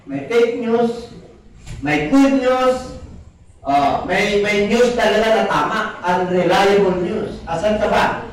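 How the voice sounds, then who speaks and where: Male pastor, high voice, sermon, polite pauses, heavy echo, distant mic. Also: slight background noise. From Philippines. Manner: preaches in Tagalog mixed with English, reads scripture aloud; polite "po", frequent "ah" hesitations. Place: church hall. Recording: very echoey, voice from far off.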